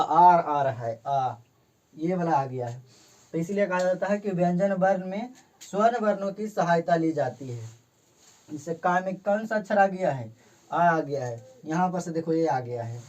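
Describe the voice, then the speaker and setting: A man talks through a grammar lesson in a casual classroom way. He points at the board and goes over each definition slowly, repeating it several times so it sinks in. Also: fairly high pitch, a little mellow. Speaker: teacher.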